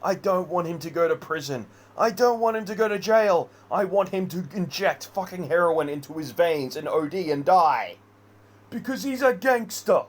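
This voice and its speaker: A man in an unscripted personal rant, rambling, heavily profane and agitated. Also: high-pitched. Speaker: vlogger.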